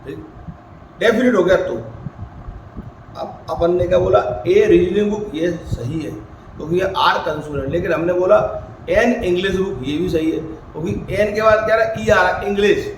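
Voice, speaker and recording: High-voiced male teacher in an echoey room. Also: normal speed. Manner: asks questions and answers them himself; acts out student questions in his own voice. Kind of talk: classroom grammar lecture. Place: coaching academy classroom. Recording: echoey room with faint background noise.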